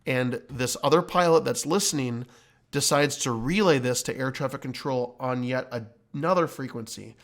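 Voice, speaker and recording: In an instructional commentary, a male flight instructor and host teaches with emphasis, repeating the important points. His voice is medium in pitch and his pace is normal.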